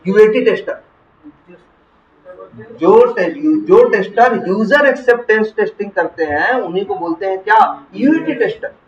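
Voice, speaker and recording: High-voiced man lecturing in a roomy classroom. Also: expressive, normal speed. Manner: asks the class questions and answers them himself. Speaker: software testing teacher. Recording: roomy, distant, muffled classroom recording.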